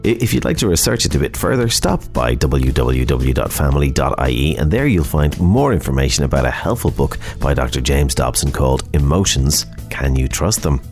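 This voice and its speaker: A man hosting a radio show, presenting in a measured, announcer-like way. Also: rumbling low, lively intonation, darkish tone. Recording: faint music bed behind.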